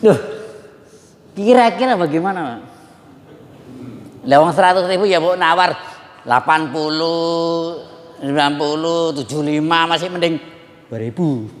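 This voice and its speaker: A man's voice: a little high, unhurried, long pauses, big-room sound, slight background noise. A man teaching a religious study session, telling stories animatedly and addressing the audience directly as sir and ma'am. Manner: animated storytelling preacher, addresses audience as Pak and Bu. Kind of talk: Islamic study lecture.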